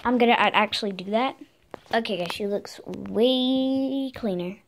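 Female doll vlogger with a fairly high voice, casual and chatty. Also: a little slow, a little hiss or hum. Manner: chatty, talks to viewers and dolls as if real. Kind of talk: casual vlog chat.

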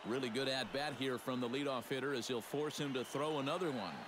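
A man playing a steady, polished play-by-play baseball announcer in a sports video game. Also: mid-range voice, heavy background noise, lightly acted. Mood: steady, engaged. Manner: polished, measured broadcast delivery. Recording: loud stadium ambience behind the voice.

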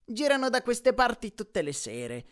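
A man's voice: extremely high pitch, very animated, unhurried, fairly bright tone, pitched above the performer's own voice, heavily acted. A man voicing a sly, hulking male bed salesman with oily salesman patter, in an audiobook reading.

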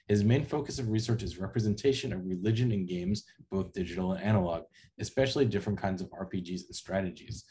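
A man's voice: lowish voice, warm tone, a little hiss or hum. A man in his thirties hosting an online conference and introducing a speaker over a video call. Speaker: conference session host. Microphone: video call, close to computer.

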